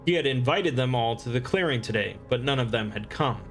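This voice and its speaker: A man reading scripted explainer narration in a measured, expository manner. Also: medium pitch, expressive, fairly bright tone, faint music behind.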